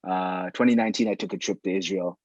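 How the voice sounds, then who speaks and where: Low, husky man talking things through. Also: steady tone, fast, darkish tone, no room sound, muffled recording. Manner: thinking aloud, circling back on phrases. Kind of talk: casual conversation.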